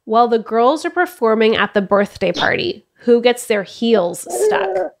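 A woman's voice: a little high, big pitch swings, a little slow, creaky. A woman co-hosting a podcast, teasing and blunt, running a trivia game in casual chat.

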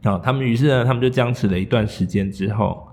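A man's voice: medium pitch, fast, a little mellow, a little hiss or hum. A man with a Taiwanese Mandarin accent telling a story in a casual podcast chat, playful and joking, acting out quoted lines. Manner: playful, acts out quotes with punny jokes.

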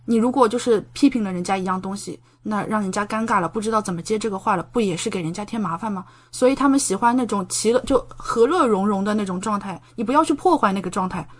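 A young adult woman from the Shanghai area, a doctoral student in Japan, chats as a guest in a casual podcast interview. She talks fast with hardly any pauses in a medium-pitched voice, explaining things through plenty of examples, including acted-out dialogue.

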